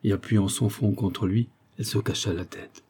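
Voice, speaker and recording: Low husky male audiobook narrator. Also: steady tone, normal speed, dark tone. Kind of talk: scripted narration of a novel.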